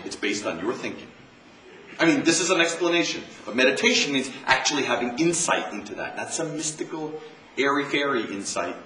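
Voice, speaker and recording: Lively American Zen monk, distant and roomy. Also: male voice, medium pitch. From United States. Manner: conversational, repeats phrases for emphasis. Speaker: Zen monk giving a talk. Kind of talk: informal dharma talk. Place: campus lecture room. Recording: roomy, distant mic, faint hiss.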